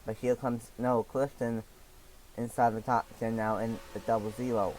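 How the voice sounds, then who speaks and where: A young man calls a sim racing league race play by play, his voice a little raspy from allergies. He speaks haltingly with frequent fillers and restarts, in a flat, medium-pitched, slightly mellow voice. The recording is rough, with a little hiss or hum.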